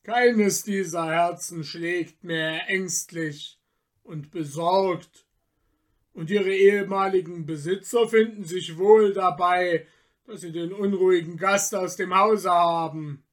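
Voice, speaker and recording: A man voicing a scornful giant male forest spirit in a storybook reading, loud, taunting and emphatic. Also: high voice, steady tone, slow. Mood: sly.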